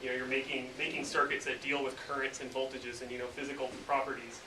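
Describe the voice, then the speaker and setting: Talking fast in a mid-range voice, a man who works as an engineer gives students a relaxed classroom explanation of his job, sprinkling in many fillers, especially "you know." It's recorded on a distant, roomy mic with background noise.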